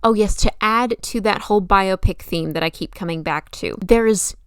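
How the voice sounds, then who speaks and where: A woman delivers gushing, emphatic film commentary as a video essayist, sounding conversational and casually opinionated. Her medium-pitched voice is smooth, spoken at a normal speed, and recorded cleanly in a studio without echo.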